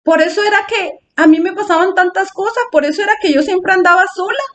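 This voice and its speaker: Woman preacher, high voice, emotional testimony sermon that acts out her own prayers. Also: a little fast, fairly bright tone.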